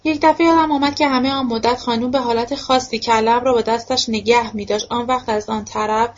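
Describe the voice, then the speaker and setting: A woman narrating a novel for an audiobook in a steady first-person voice. Her voice sits fairly high, and the recording is dull and muffled, as if lo-fi. She reads at an even, unhurried pace. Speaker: audiobook reader.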